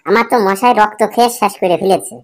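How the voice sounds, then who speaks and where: A woman's voice: medium pitch, fast, close to an everyday voice. A woman voicing a fretful, grumbling young village man in a cartoon. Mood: fed-up. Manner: grumbling, swears a lot. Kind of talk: cartoon voice acting.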